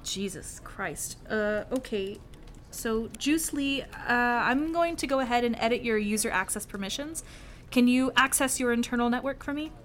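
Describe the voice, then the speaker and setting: Woman doing a tired tech support agent, halting, lots of ums, faint typing behind. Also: on the high side, fairly bright tone, a little hiss or hum, close to an everyday voice. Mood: hesitant. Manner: halting, hesitant, many fillers. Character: weary female tech-support agent, conflicted.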